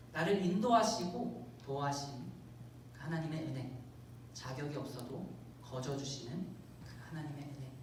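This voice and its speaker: A woman's voice: low voice, noisy background. A woman youth pastor preaching and leading an earnest prayer in a large church sanctuary. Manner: earnest, fervent prayer with pleading repetitions. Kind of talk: sermon and led congregational prayer. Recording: very echoey hall from far off, loud music behind.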